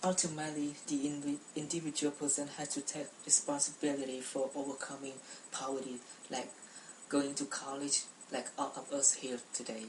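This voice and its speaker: Low-voiced woman giving a class speech. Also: little pitch movement, normal speed, reverberant, far from the mic, a little hiss or hum, poor audio. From Cambodia. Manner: careful delivery with frequent restarts and repeated words. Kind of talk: prepared speech.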